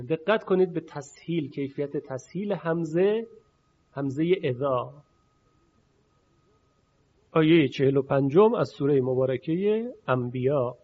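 A man leads a recitation lesson, explaining rules patiently and stretching out sounds to show them. His voice sits a little high. The recording is dull and lo-fi. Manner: patient, demonstrating sounds slowly and repeating them. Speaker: Quran recitation teacher.

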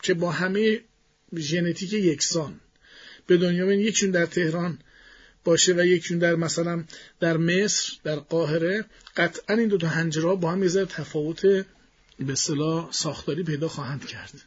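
A man with a fairly high, husky voice explains his ideas to an interviewer, measured and thinking aloud. The sound is dull and muffled, like a studio broadcast. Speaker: guest voice expert.

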